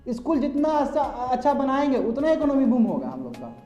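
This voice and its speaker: A man's voice: very high voice, big pitch swings, brisk, warm tone, faint music behind. A man lecturing a class, chatty, calling on students directly and mixing in English terms. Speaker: teacher. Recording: echoey classroom, slightly dull.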